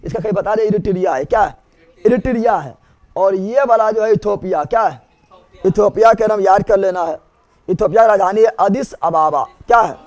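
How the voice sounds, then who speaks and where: A high-pitched male teacher runs a classroom lesson, firing a question at the class and then giving the answer himself. He hammers each fact home by saying it again and again in a call-and-response rhythm. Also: a little fast. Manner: drills facts by repeated question and answer.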